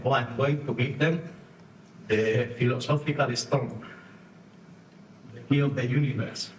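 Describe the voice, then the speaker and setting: A man from Spain speaks in a Spanish accent at a middling pitch, giving a live talk to a conference audience. His phrasing halts and restarts as he acts out postures and inner voices. The recording is echoey and taken from a distance, with a faint hiss of noise underneath. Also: a bit bright. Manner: halting non-native phrasing with frequent restarts. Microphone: distant room mic.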